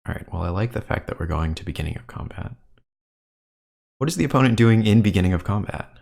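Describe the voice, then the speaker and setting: A man's voice: on the low side, expressive, quick pace, vocal fry, a little mellow. A man commentating his own card game, thinking aloud and weighing each move. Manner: thoughtful, muses and counts under his breath. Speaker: gameplay commentator. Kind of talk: thinking aloud over gameplay.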